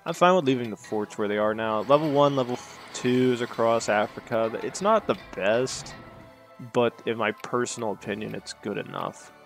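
Faint music plays behind a man speaking at normal speed in a mid-range voice. Hosting his gaming channel, the native English speaker thinks aloud through a strategy game, rambling and tossing sarcastic asides to himself as he casually comments.

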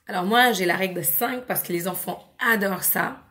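A woman with a French accent gives a calm lesson to parents. She explains methods step by step, clearly and patiently, and often stops to model simple English words. Her voice sits at an ordinary middle pitch. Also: normal speed. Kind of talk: explanatory teaching talk.

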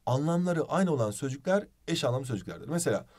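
A man teaching a video lesson, playful and animated, asking questions as he explains. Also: medium pitch, fast talker.

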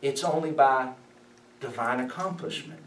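A man preaching as a pastor, emphatic and animated, asking his listeners questions as he teaches. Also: mid-range voice, unhurried, crowd noise. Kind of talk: sermon, Bible study teaching. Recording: echoey room, mic at a distance.

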